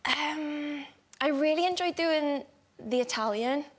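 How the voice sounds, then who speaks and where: A woman's voice: sits high, slow pace. A woman guest, chatting in a bubbly way. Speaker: guest actress.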